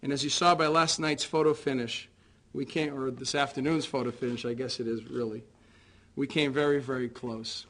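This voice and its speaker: An American man who is a political candidate delivers a prepared concession speech in a formal, measured, earnest way. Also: medium pitch, steady tone, fairly bright tone, a little hiss or hum.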